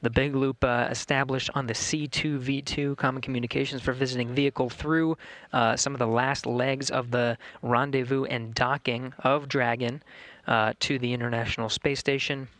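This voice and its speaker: Casting: male as live spaceflight commentator, measured and informative, recorded dry. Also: medium pitch, flat delivery, fairly bright tone, dry recording. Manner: measured, explanatory. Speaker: mission control commentator.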